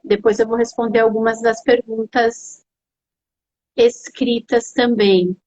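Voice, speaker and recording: A young adult woman with a Brazilian accent hosting a live stream as an educational psychologist, explaining parenting tips to viewers in an animated, direct way. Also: a little high, takes it slowly, lo-fi sound. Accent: Brazilian Portuguese. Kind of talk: casual live-stream advice talk.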